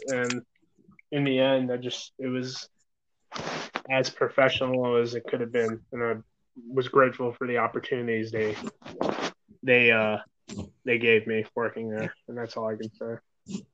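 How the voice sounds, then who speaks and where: Rambling, profane medic from New York. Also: male voice, mid-range voice, level tone, moderate pace, fairly bright tone, slight background noise. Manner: rambling, profane, many fillers and "man". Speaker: guest, EMS medic. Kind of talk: casual interview talk. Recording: dull lo-fi recording.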